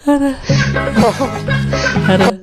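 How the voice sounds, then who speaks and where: A man's voice: extremely slow, over loud music. A man doing casual reaction commentary on clips for his viewers, chatty and laughing often. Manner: giggly, chatty, frequent laughter.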